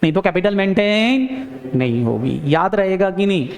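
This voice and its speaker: A man teaching an accounting class in a lecture style, firing questions at students and answering them himself in a lower voice. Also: animated, normal speed. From India. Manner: urging, repeats phrases for emphasis.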